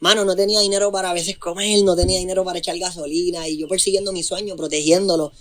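A young Puerto Rican man with a high, bright voice, speaking as a podcast guest. He tells his story in an earnest, motivational manner, dropping English words here and there. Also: level tone, fast talker, over a noisy crowd. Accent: Puerto Rican Spanish. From Puerto Rico. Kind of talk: emotional storytelling in a podcast interview.

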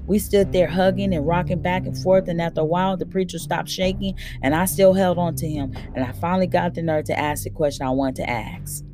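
A woman reading a children's novel aloud in a steady, plain storytelling manner. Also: fairly low pitch, a little fast, hardly any pauses, music in the background. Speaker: audiobook reader.

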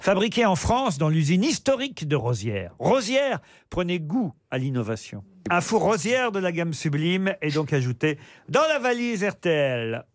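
Male radio host, high voice, playful banter, dry studio sound. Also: big pitch swings, dry recording. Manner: teasing, reads sponsor copy briskly. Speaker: radio game show host.

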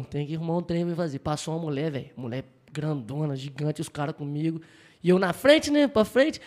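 Young man, high voice, rapid, boastful storyteller, casual chat. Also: a little mellow. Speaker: podcast co-host telling stories. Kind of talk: casual storytelling among friends.

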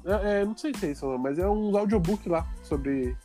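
A man's voice: high voice, moderate pace, music in the background. A man with a southern Brazilian accent in casual, rambling chat full of slang and swearing, recorded in a bedroom. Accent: southern Brazilian, Rio Grande do Sul.

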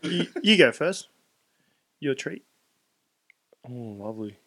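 A man's voice: mid-range voice, sing-song, takes it slowly, fairly bright tone, dry recording. A man chatting casually as a podcast co-host. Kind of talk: casual chat.

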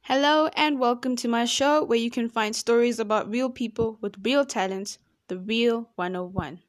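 A woman's voice: a little high, soft background music. A woman hosting an interview show, bubbly and enthusiastic in casual chat. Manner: bubbly, enthusiastic, quick to laugh. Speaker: host.

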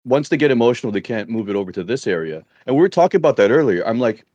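Animated, fast-talking man, dry close sound. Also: medium pitch, dry recording, highs cut off. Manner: blunt, animated, swears casually, laughs while talking. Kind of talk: casual trading podcast chat.

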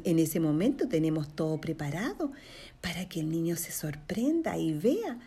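Una mujer que lee un cuento infantil en voz alta, con pausas para dar consejos a los padres y susurros para crear suspenso. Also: female voice, on the low side, slightly rough. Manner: expressive, switching to whispers for suspense. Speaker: storyteller for children. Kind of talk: reading a children's story aloud with tips for parents.

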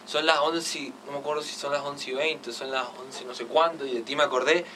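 A young man with an Argentine accent, chatting excitedly and casually, full of slang and fillers. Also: mid-range voice. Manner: fast, excited, heavy slang, constant fillers. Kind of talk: casual chat. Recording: distant mic with faint noise.

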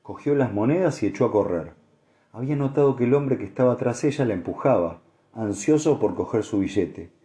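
A man narrating an audiobook in a steady, measured reading. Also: mid-range voice. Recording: echoey room.

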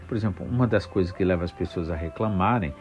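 A man praying and then preaching, unhurried, with frequent pauses and fillers. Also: low-pitched, a little mellow, soft background music. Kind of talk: prayer and sermon.

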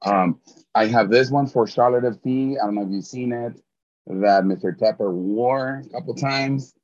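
The guest here is a middle-aged man from Mexico whose Mexican Spanish accent colors his enthusiastic, casual interview chat, and who often repeats words at the start of a thought. His voice is mid-range with a darkish tone, at normal speed. Audio quality is dull and lo-fi.

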